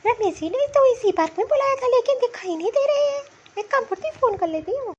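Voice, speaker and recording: A woman voices a vain young cartoon woman in Hindi comedy dialogue, using a tiny, extremely high voice. Fussy and scornful, she chats and complains in theatrical, exclamatory asides, with lively intonation, a brisk pace and a slightly mellow tone. The audio is somewhat dull and lo-fi.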